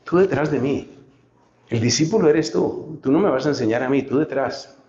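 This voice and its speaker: Animated preacher in an echoey hall. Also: male voice, mid-range voice, moderate pace. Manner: animated, humorous and emphatic. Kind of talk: sermon. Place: hall with a live audience. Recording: echoey hall, dull sound, live audience.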